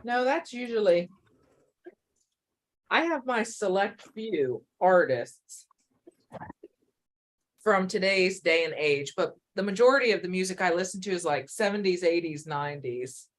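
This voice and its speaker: A woman's voice: lowish voice, expressive, measured pace, pauses often, slight background noise, rough recording. Playful woman chatting while sewing. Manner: playful, laughs easily, makes silly sound effects. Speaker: co-host. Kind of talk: casual chat while sewing.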